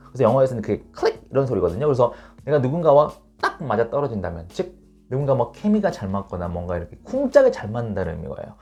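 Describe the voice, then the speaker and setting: Guy teaching english, super animated voice, reads examples slow then explains, bit of music behind. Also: mid-range voice. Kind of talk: online English lesson.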